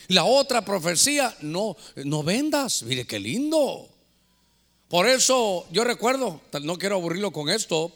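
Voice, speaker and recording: A man preaching a sermon as pastor, with drawn-out, playful delivery. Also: high-pitched, a bit bright. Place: church.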